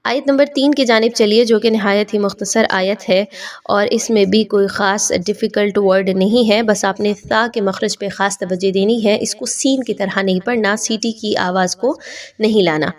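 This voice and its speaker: A woman teaching Quran recitation. She explains each rule patiently, then recites the words slowly and drawn out, repeating them several times. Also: medium pitch, fairly even intonation. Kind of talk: tajweed lesson with slow recitation.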